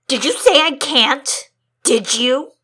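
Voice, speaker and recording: A woman voicing a petulant, cruel young king who drags out shouted threats. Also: sits high, slightly rough, full character voice. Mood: menacing. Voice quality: shouted, slow and menacing.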